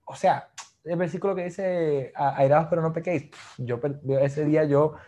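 A man's voice: a little high, fairly even intonation, moderate pace, dark tone. A man with a Puerto Rican accent, preaching a sermon over a video call in a chatty way, slipping between Spanish and English. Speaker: pastor.

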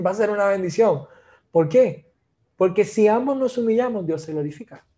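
A man preaching a sermon in earnest, lowering his voice to speak prayers and now and then dropping in English phrases. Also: wildly swooping pitch, moderate pace, mellow. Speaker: pastor. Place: church service.

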